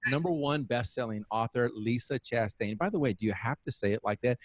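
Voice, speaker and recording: A man's voice: medium pitch, fairly quick, dry recording. A man hosting a podcast, chatting casually and joking with his guest while asking lots of questions. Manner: playful, jokey, asks many questions. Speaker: podcast host. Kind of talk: casual interview chat.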